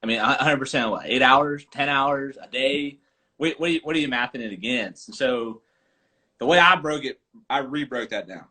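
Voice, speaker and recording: A man, a golf coach and podcast host, telling stories in an animated casual chat over a live video call. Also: medium pitch, normal speed. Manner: animated, chatty storyteller.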